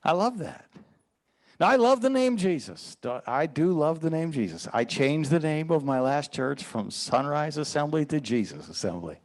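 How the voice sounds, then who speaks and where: A man's voice: fairly high pitch, lively intonation, moderate pace, hardly any pauses, darkish tone. A man preaching as a pastor, teaching earnestly and quoting scripture in a sermon.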